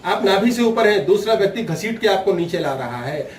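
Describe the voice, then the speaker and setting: A man's voice: sits high, lively intonation, a little fast. Man teaching in an echoey hall. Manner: humorous storytelling, acts out voices, laughs often. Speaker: spiritual teacher. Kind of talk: spiritual discourse to a live audience. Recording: echoey room, distant mic, faint noise.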